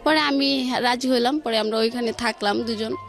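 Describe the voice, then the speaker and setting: There's some vocal fry in this slightly high female voice, which moves at a moderate pace. With a Bangladeshi accent, she chats through a personal tale informally, chaining events and quoting dialogue, as faint music sounds behind her in a radio studio.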